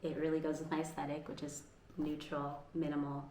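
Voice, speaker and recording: With a deep, dark, monotone voice, an American woman vlogs at home fairly quickly, amid slight background noise. She's earnest and upbeat despite that, occasionally restarting sentences, in an echoey room with faint ambience.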